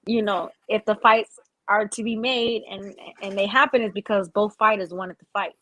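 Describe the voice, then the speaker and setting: A woman's voice: mid-range voice, fairly even intonation, normal speed, pushed and bright, low-quality recording. A woman, pushing back hard in a casual sports debate and laughing often. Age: 40s. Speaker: co-host.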